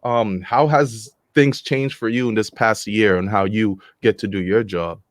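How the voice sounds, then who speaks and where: A man co-hosts a casual interview over a video call, sounding relaxed and easygoing. His words come out loose, with repeats and restarts, and the recording sounds dry and close. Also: fairly low pitch, measured pace, dry recording. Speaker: podcast co-host.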